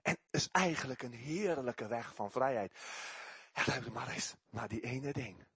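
A man preaching a sermon and telling his testimony, talking in an animated way and often repeating words as he goes. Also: medium pitch, a little slow, slightly rough.

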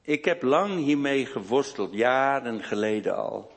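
A man delivers a sermon at an average pitch, taking his time, pausing and restarting as he searches for words. His voice carries a long reverb from a large hall. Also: expressive, creaky. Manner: slow, deliberate delivery with hesitations and restarts. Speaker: preacher.

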